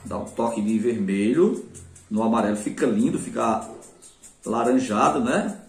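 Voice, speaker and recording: A man's voice: medium pitch, normal speed, darkish tone, soft background music. Man, Brazilian Portuguese accent, casual craft tutorial, talks to viewers, roomy echo, distant mic. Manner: chatty, addresses viewers as "gente" and praises his work. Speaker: craft instructor.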